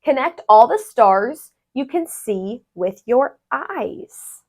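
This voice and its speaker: In a fairly high, expressive voice, a female tutor reads aloud from a rhyming picture book, taking her time and lilting through the lines. The audio sounds dull.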